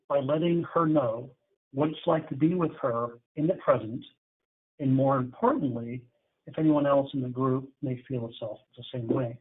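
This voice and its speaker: Speaking at medium pitch with a breathy edge, a middle-aged male therapist lectures conversationally on addiction treatment in a webinar. He's candid and dramatizes client dialogues. Audio quality is tinny, like a phone line.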